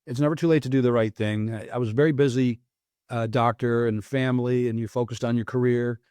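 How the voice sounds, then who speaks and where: Older american guy, author on a podcast, earnest and thoughtful, kinda halting, dry close mic. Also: medium pitch, fairly even intonation, warm tone, clear, resonant tone, no echo. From United States. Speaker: author guest. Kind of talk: interview answers.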